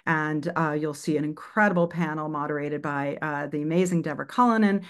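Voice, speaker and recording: Brisk woman presenting a webinar slideshow. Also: sits low. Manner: brisk, many fillers and self-corrections. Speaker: arts advocacy presenter.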